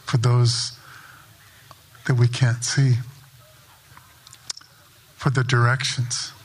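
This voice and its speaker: A man leading a sunrise ceremony outdoors, giving a spoken blessing in a slow, measured, invocational way. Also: mid-range voice, level tone, slightly rough. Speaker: ceremony prayer leader.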